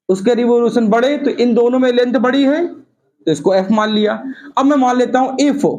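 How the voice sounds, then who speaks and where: A middle-aged male physics teacher with a notably high voice lectures a class. He builds each idea step by step and keeps talking to his students as if they were children. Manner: explains step by step, often addressing students as children.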